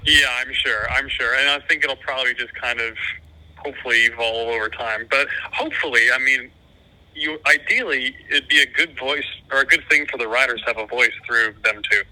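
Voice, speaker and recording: A man's voice: mid-range voice, a little fast, bright, forceful tone, rough recording. A young man phoning in on speakerphone, chatting casually and easygoing, hedging his answers. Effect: heard over a phone on speakerphone. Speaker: phone-in guest. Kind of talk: casual phone chat.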